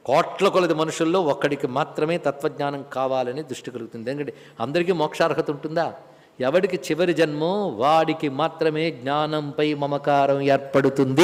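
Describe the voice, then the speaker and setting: A man giving a religious discourse on scripture, asking rhetorical questions and chanting verses. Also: on the high side. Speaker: spiritual teacher. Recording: long hall reverb.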